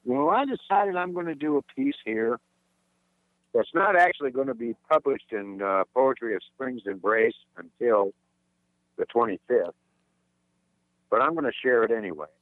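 A man's voice: medium pitch, expressive, normal speed, pauses often, no echo. A man talking over the phone as a caller, cheerful and chatty before reading his poem. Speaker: caller and poet. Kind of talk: cheerful chat and poetry reading. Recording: tinny phone line.

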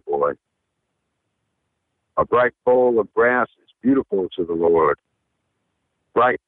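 A man from Alabama calling in to recite a poem in a slow, measured reading, over a phone line that keeps breaking up. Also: fairly low pitch, no echo. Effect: phone line breaking up, cutting in and out. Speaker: caller. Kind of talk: poetry recitation.

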